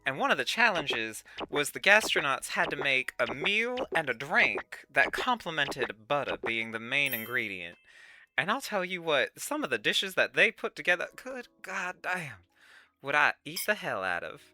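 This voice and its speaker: Reading out viewer comments and replying, this livestream host puts on a folksy Southern Belle drawl, sprinkling in sweet terms of address. The delivery is sing-song, medium in pitch, moderately paced, and sounds pushed and bright.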